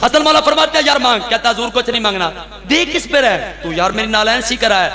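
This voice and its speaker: A man preaches in a very high voice, acting out the people in his stories and calling on the gathering to answer him. The sound rings in an echoey hall. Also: expressive, fairly quick, pushed and bright. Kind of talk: religious speech at a gathering.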